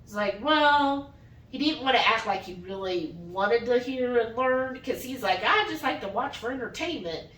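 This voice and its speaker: On the high side and at normal speed, a woman vlogger tells a story from her own life in a relaxed way. She brings the dialogue to life, quoting people in acted voices throughout. Room echo is strong, and the microphone is far off.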